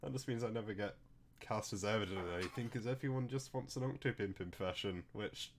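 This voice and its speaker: A man co-hosting a game let's play, talking in a halting way and chuckling often. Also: on the low side, slight background noise. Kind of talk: casual chat.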